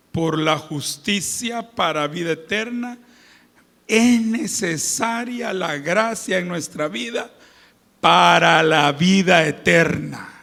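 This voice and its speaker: A male preacher giving a joking Sunday sermon and reading scripture, swinging from loud proclamations to hushed asides. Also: high voice, creaky. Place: church sanctuary. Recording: long church-hall reverb.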